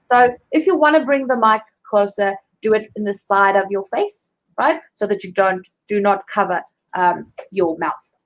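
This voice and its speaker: A woman's voice: medium pitch, animated, normal speed, low-quality recording. A woman with a South African accent, a career coach giving advice on a live video call, chatty and full of fillers and restarts. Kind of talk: live online interview.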